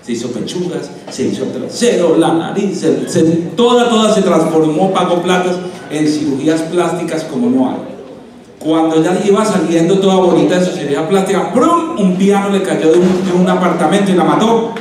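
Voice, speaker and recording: A man giving a playful, animated sermon to a youth congress in a large hall. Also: on the high side, normal speed. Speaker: speaker. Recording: echoey hall from far off.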